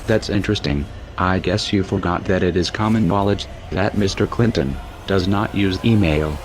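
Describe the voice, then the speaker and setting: A man speaking through a disguised deep voice, reading a cold, measured, menacing scripted statement. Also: faint music behind.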